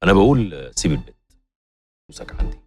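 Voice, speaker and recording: A man's voice: sits low, very animated, very fast, darkish tone. An actor playing a sly, menacing male rival with an Egyptian accent. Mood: sly menace.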